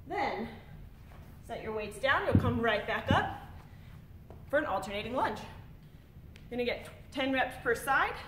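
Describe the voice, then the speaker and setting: A woman fitness instructor giving clear step-by-step workout cues, a little out of breath. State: slightly out of breath. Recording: echoey room, distant mic, faint rumble.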